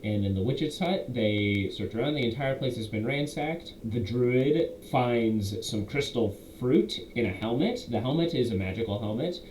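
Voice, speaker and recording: A man's voice: medium pitch, lively intonation, a little mellow. A young man in a casual, rambling monologue, recapping a tabletop campaign as its game master and correcting himself as he goes. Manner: rambling, self-correcting, quotes players in quick asides. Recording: roomy echo, faint background hiss.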